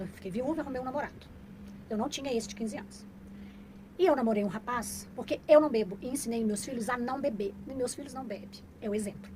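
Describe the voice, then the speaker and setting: A woman's voice: high-pitched, noisy background. A middle-aged woman talking casually to viewers as a mother giving parenting advice, emphatic and preachy, repeating her points for stress.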